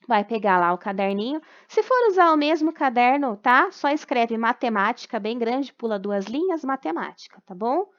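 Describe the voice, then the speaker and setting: Patient Brazilian teacher explaining homework. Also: female voice, fairly high pitch, lively intonation, a bit bright, highs cut off. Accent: Brazilian Portuguese. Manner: patient, explanatory, frequent check-ins, slow syllable-by-syllable dictation. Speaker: primary school teacher. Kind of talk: recorded lesson correction for parents. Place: at home during quarantine.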